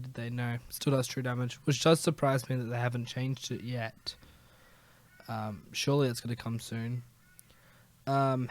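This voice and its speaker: A young man from Australia giving casual gameplay commentary in a relaxed, rambling way, with many "um"s and yawns. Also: mid-range voice. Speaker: gaming YouTuber.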